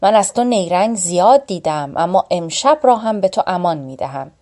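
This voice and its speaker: A woman's voice: on the low side, expressive, dark tone, natural voice. A woman reading the lines of a proud young warrior prince in a storybook tale, in a taunting, commanding tone. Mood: stern.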